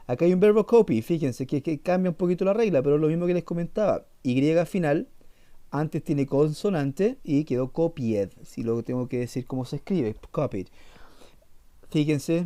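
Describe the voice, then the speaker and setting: A man's voice: a little high, mellow. A man teaching an English class, explaining patiently and repeating himself with fillers. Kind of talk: online class lesson.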